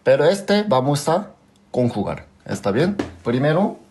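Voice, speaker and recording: A man's voice: fairly high pitch, big pitch swings, measured pace, a little mellow, slight background noise. A man with a Korean accent teaching a language class, who patiently repeats examples and keeps asking his students if they understood. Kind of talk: live class explanation.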